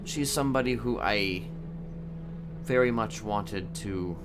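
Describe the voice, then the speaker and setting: Background noise and loud music accompany this streamer's fairly low voice as he role-plays a brooding prisoner who wants to reform in a crime roleplay game. He confides in improvised, in-character storytelling, wistful and halting, deliberate and prone to repeating words.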